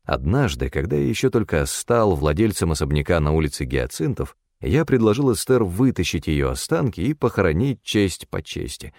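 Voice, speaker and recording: A man narrating a first-person audiobook in a wry, expressive storytelling manner. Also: sits low, normal speed, hardly any pauses, no echo, studio quality.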